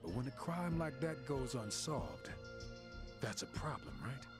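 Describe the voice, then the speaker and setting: A man's voice: mid-range voice, big pitch swings, measured pace. An actor playing a corrupt, sneering police officer in a video game cutscene, mocking and gloating as he frames a suspect, with game music behind. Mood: taunting. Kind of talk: game dialogue acting. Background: game music score.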